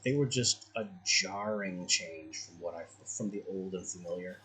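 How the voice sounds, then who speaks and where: A man's voice: sits low, moderate pace, bright, forceful tone. A man giving casual let's-play commentary as a gaming host, musing aloud in a wry, conversational way.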